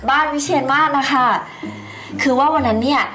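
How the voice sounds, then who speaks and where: A chatty, stubborn young cook. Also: female voice, sits high, a little fast, sharp tone, faint music behind. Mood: polite. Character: feisty young woman dessert cook out of her time. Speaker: lead actress in a TV drama. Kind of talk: TV drama acting.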